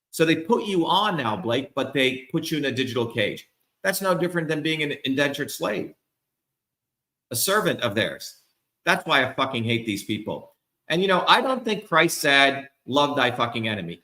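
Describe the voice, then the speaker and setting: A man's voice: medium pitch, bright, forceful tone, echoey room. A middle-aged man giving an angry, profane livestream rant as a political candidate. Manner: profane, heated, emphatic. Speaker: political candidate speaking to supporters.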